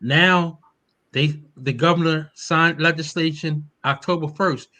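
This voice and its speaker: A man's voice: a little high, fairly even intonation, a little slow, sharp tone. A man in his fifties from Maryland on a panel, speaking emphatically and checking in with his listeners. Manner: emphatic, keeps checking in with "okay?". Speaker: panel guest, nonprofit founder. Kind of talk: panel discussion.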